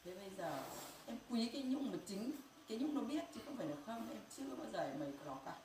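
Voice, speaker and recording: A grieving middle-aged woman speaks in a pained, insistent way and keeps circling back to the same points. She is heard from some distance off the mic in an echoey room. Loud background noise runs under her voice. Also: fairly high pitch, lively intonation, fast. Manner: pained, insistent, repeats herself. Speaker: grieving mother. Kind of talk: emotional family confrontation.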